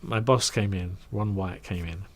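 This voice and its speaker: Brief: middle-aged Englishman, lowish voice, chatty storyteller who acts out the voices he quotes. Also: a little slow. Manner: animated, acts out quoted voices, trails off into asides. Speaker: guest recounting his career. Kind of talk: casual anecdotal storytelling.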